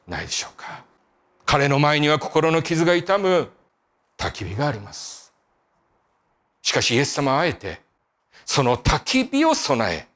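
A male pastor delivering a sermon in a high, bright-toned voice. His pitch leaps and swoops as he tells the story, rising on key moments, then dropping to near-whispered endings. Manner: storytelling, shifting between lively emphasis and quiet soft endings.

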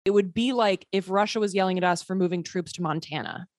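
A woman's voice: medium pitch, fast talker, a little mellow, no room sound, clean studio sound. A woman partly raised in Sweden, speaking as an interview guest in a passionate, sarcastic way. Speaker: guest, filmmaker. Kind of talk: political interview.

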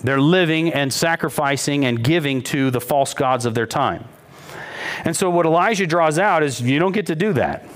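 A man preaching a sermon as pastor, retelling a scripture story with lively, mocking quoted voices. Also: moderate pace. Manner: storytelling, rises in pitch when quoting mockery.

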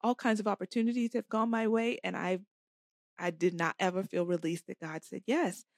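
A woman's voice: medium pitch, fairly even intonation, normal speed, darkish tone, no echo, studio quality. A woman guest on a podcast, earnestly telling a personal faith story and acting out her inner conversations. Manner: earnest testimony with acted-out inner dialogue. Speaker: podcast guest, life coach. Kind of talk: faith-based interview storytelling.

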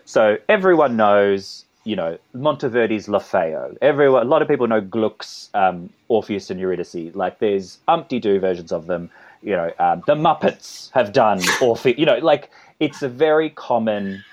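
A man's voice: lowish voice, normal speed, a little mellow. A man with an Australian accent, a composer and conductor talking as a guest in an interview, rambling with many restarts and asides. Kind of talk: conversational interview.

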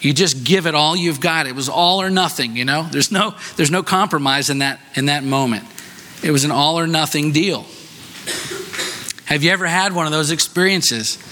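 Bright-voiced male pastor telling a story. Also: a little high, normal speed, a little hiss or hum. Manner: conversational, self-deprecating storyteller who asks "right?". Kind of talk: sermon with personal storytelling.

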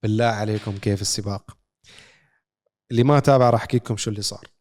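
A man's voice: fairly low pitch, fairly even intonation, rapid-fire, darkish tone. A man with a Levantine Arabic accent, co-hosting a podcast with a casual sports recap, told like a story with rhetorical questions. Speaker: podcast co-host.

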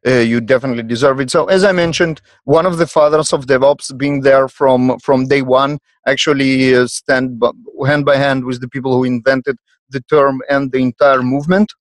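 A man with a Russian accent hosting an unscripted podcast, speaking in a hesitant, halting way. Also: mid-range voice, fairly even intonation, dry recording. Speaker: podcast host. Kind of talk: unscripted panel podcast introduction.

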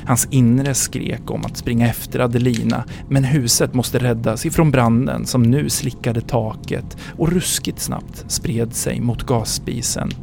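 Give me a man narrating a dark folk tale with a gravelly, creaky voice. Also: mid-range voice, fairly even intonation, background noise. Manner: measured dramatic storytelling. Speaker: podcast host and storyteller. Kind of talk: scripted story narration.

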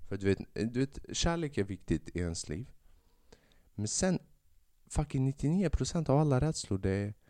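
A man's voice: on the low side, no room sound, studio quality. A man hosting a casual monologue podcast, ranting and rambling with lots of swearing, and sick with a fever. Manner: swearing, rambling, animated rants. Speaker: podcast host.

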